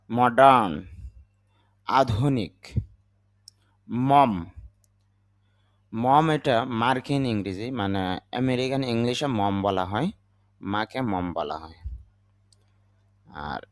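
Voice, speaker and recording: In this vocabulary lesson, a man whose first language is Bengali goes through English words one by one, patiently saying each again with its meaning. He has a mid-range voice, recorded without echo.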